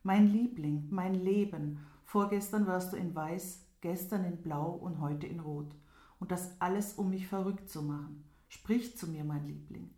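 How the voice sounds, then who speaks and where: A woman's voice: fairly low pitch, normal speed, a little mellow, lightly acted. A woman voicing a young prince, desperately in love and pleading in a fairy tale. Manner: pleading, impassioned. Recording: roomy echo.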